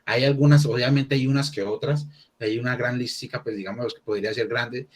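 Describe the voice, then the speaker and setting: A man's voice: mid-range voice, fairly even intonation, fairly quick. A man teaching an English class online, talking casually and thinking aloud with many restarts.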